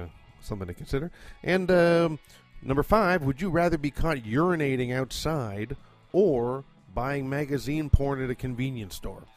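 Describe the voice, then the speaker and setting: A man hosting and producing a comedy podcast from his condo, rambling casually with lots of fillers and swearing. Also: mid-range voice. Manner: chatty, profane, rambling with many fillers. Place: condo at home.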